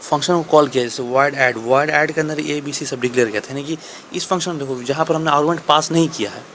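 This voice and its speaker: A man's voice: a little high, fast talker, fairly bright tone, slight background noise. A man teaching programming in a casual, conversational way, often asking and answering his own questions. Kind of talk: casual explanatory lecture.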